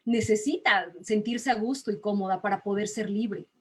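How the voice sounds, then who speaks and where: A woman voice teacher, talking emphatically in a relaxed interview and laughing often. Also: medium pitch, moderate pace, a little hiss or hum. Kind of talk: casual video-call interview.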